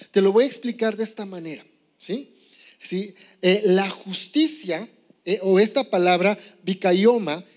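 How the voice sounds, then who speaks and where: A man's voice: high-pitched, a little mellow. A man preaching a sermon as pastor, teaching step by step with examples and often asking "¿sí?". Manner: teaching, asks "¿sí?" after points; explains with examples, some hesitation.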